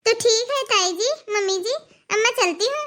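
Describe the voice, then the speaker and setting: A voice actor playing a polite, educated young daughter-in-law in an animated cartoon. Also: very high voice, normal speed. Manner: polite, eager.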